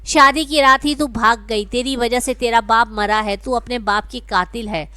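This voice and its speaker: A woman's voice: fairly high pitch, bright, forceful tone, dry recording. A woman voicing a furious, proud widowed mother who harshly scolds her daughter, in a read-aloud story.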